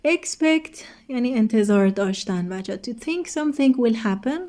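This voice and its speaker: A woman's voice: a little high, animated, darkish tone. A woman teacher explaining an English textbook lesson step by step, patiently addressing her students.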